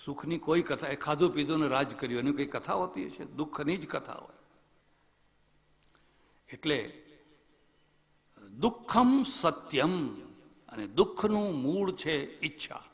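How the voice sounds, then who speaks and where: A male swami preaching a spiritual discourse, telling stories and asking his listeners rhetorical questions. His fairly high voice has a gravelly edge. A long reverb rings around him, as in a lecture hall. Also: animated, unhurried, long pauses. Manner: storytelling preacher with rhetorical questions and acted quotes. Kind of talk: religious discourse.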